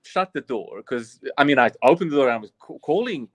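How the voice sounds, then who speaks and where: Earnest priest, dry sound. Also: male voice, medium pitch, lively intonation, fairly quick, no room sound. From Bosnia. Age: about 40. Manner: earnest and reflective, frequent restarts. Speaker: Orthodox priest, guest. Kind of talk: personal storytelling in interview.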